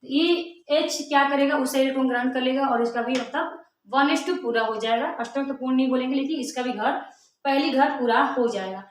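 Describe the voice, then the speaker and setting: A woman's voice: high-pitched, a little fast, slight background noise. A woman chemistry teacher, lecturing casually and giving the atoms playful little voices. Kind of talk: classroom lecture. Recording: very echoey room, voice from far off.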